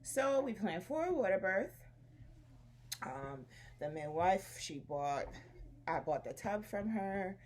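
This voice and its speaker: A woman's voice: mid-range voice, sing-song, slow, pauses often, darkish tone. A woman telling her birth story to camera at home in a chatty, rambling way, restarting her sentences as she bounces a baby. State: bouncing a baby while talking. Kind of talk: casual chat to camera.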